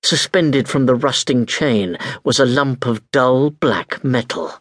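A man narrating a children's storybook in an expressive, unhurried way. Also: mid-range voice, no room sound, studio quality. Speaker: audiobook narrator.

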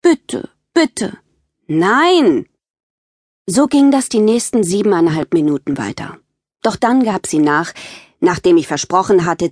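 Husky woman reading a children's audiobook. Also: fairly low pitch, no room sound, studio quality. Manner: lively, expressive storytelling. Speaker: audiobook narrator. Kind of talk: first-person children's audiobook narration.

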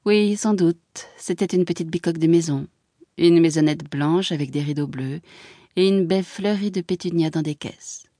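A woman narrating a literary audiobook in a measured, expressive reading voice. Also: fairly low pitch, no room sound, studio quality.

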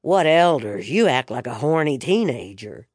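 A woman's voice: rumbling low, sing-song, normal speed, a little mellow, breathy edge, dry recording, clean studio sound, pitched below the performer's own voice, exaggerated voice. A woman doing a sheepish, exasperated young man. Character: exasperated embarrassed young man, her son.

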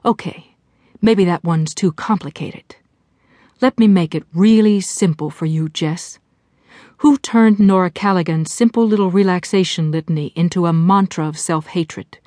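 A woman's voice: on the low side, normal speed, mellow, dry recording, natural voice. A woman playing a harsh, no-nonsense inner voice that hectors and scolds with disgusted fury, read for an audiobook. The delivery is dry and close, with no room around it. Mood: scornful. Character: angry blunt inner voice of an old woman friend.

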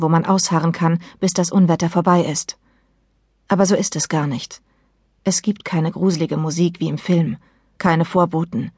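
A woman reading a first-person novel as an audiobook narrator, calm and measured, recorded on a close studio mic. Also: lowish voice, breathy edge, dry recording.

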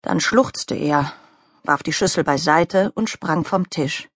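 A woman reading a children's story as the narrator, with lively, expressive storytelling on a close studio mic. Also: deep voice, slow, husky, dry recording. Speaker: audiobook narrator.

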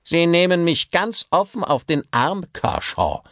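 A man's voice: fairly low pitch, huge pitch swings, moderate pace, no room sound, studio quality, voice pushed up, full character voice. A man voicing a pompous, suspicious theatre director who questions sharply and indignantly. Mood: angry. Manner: indignant, interrogating.

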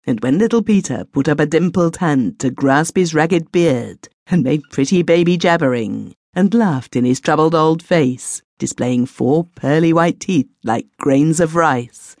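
A woman's voice: low voice, no echo. Woman narrating a ghost story, dry close sound. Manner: measured, steady reading. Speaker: audiobook narrator.

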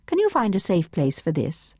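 A woman reading an audiobook voices a confident, sophisticated young woman who speaks briskly. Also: lowish voice, huge pitch swings, a little mellow, breathy edge, no echo, clean studio sound, full character voice. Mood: self-assured. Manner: brisk, self-assured.

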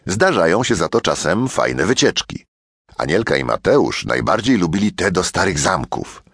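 A man's voice: deep voice, sing-song, normal speed, fairly bright tone, breathy edge, dry recording, clean studio sound. A man narrating a children's audiobook as a storyteller who talks straight to his young listeners.

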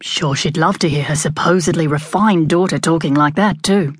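Lady putting on a gruff young farm guy, lowish voice, dry sound. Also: moderate pace, no room sound. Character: blunt young country man.

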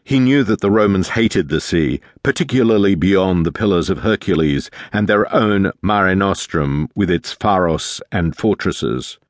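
A man narrating a fantasy audiobook in a measured storytelling manner. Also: sits low, animated, no echo, studio quality. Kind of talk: scripted narration.

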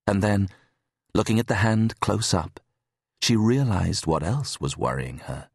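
A man reading an audiobook in measured, steady scripted narration on a close studio mic. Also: lowish voice, creaky, slightly rough, no echo.

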